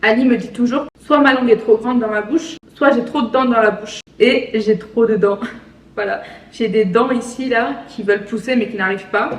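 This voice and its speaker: A woman's voice: fairly high pitch, normal speed, echoey room, far from the mic. A young woman from France with a slight lisp, chatting casually and mocking herself in a vlog. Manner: chatty, self-mocking, mixes in English words. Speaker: vlogger.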